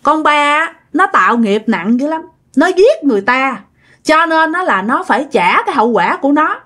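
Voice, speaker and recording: A woman's voice: sits high, sing-song, moderate pace, a bit bright. A woman voicing a stern ghost mother from the South. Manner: blunt, scolding, repeats herself. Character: dead old mother speaking through a medium, stern, all-knowing.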